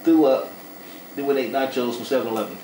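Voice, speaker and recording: A man's voice: medium pitch, fast talker. Man behind a face mask, casual joking chat, echoey room, mic far off, noisy background. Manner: laid-back, joking, crude humor. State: talking through a face mask. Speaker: vlogger doing a snack taste test.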